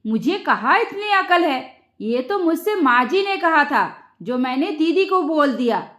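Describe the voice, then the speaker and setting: A woman's voice: high-pitched, big pitch swings, unhurried, a bit bright, full character voice. A woman voicing a sly young daughter-in-law. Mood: teasing. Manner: feigned innocence, sweetly pointed. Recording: roomy echo.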